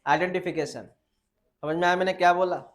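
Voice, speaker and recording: A biology teacher talks a class through a lesson in a high, lively voice. He keeps it informal, calls the students beta and fires questions he then answers himself. English textbook lines come out slow and deliberate. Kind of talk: classroom lecture.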